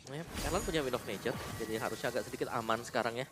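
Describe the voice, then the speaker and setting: A man's voice: mid-range voice, very fast. A man giving analytical match commentary as an esports caster.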